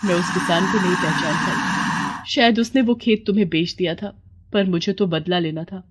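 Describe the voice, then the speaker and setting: A woman's voice: on the low side, fairly even intonation, normal speed, noisy background, close to an everyday voice. Woman voicing a remorseful snake spirit woman. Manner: pleading, confessional. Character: remorseful female snake spirit in human form. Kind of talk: storybook cartoon voice acting.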